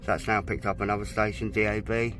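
Outdoors beside a boat in a dry stack, a man from the UK casually walks through his boat stereo with music playing behind him. His voice sits lowish and his delivery is flat, though he remains chatty and unhurried while reading out the menu items.

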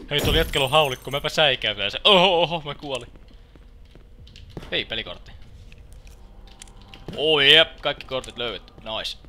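Young male gamer, casual commentary, lively swings, heavy gunfire under the voice. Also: medium pitch, pauses often, a little hiss or hum. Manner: swears a lot, mixes English exclamations, shouts when excited. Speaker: lets play gamer. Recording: loud in-game gunfire. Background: game gunfire and clicks.

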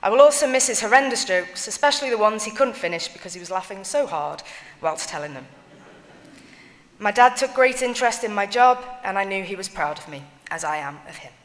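Woman reader, solemn measured eulogy reading, medium pitch, long church echo. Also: expressive. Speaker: reader of family tributes at a funeral. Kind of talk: reading written eulogies aloud.

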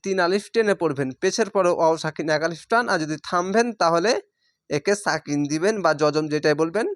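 A man teaching Quran reading, with a Bangladeshi Bengali accent, who spells out each syllable slowly and stretches the vowels. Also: high voice, no echo, studio quality. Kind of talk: spelling-out recitation lesson.

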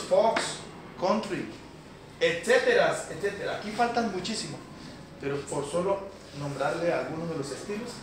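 A man's voice: sits high, background noise. Male piano teacher in an echoey classroom. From Colombia. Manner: explanatory, checks in with the class with a questioning "¿sí?". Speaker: piano instructor. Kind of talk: classroom lesson. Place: community center classroom. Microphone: far camera. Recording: roomy echo, distant mic. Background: piano keyboard playing.

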